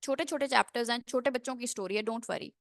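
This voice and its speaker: A woman teaching English pronunciation in an online class, switching between Hindi and English, drawing out model phrases slowly and checking in with students often. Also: a little high, creaky, fairly bright tone, dry recording, studio quality. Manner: slow, drawn-out model phrases, with frequent check-ins. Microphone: computer mic on a screen-shared video call.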